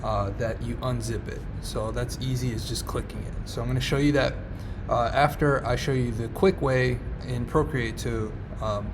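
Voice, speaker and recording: A man with a mid-pitched voice hosts a casual how-to tutorial, walking through the steps. His voice echoes around an indoor studio. Clear background noise sits behind him. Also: fairly even intonation, normal speed, few pauses. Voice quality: echoey sound from the room. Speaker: tutorial host.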